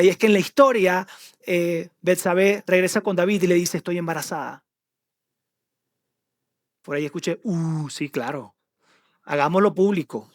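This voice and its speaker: A Mexican-accented man preaches a sermon in a high, lively voice and keeps quizzing his listeners. His voice sounds dry and close, with no room echo. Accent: Mexican Spanish. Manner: animated storytelling, quizzing the audience. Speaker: pastor.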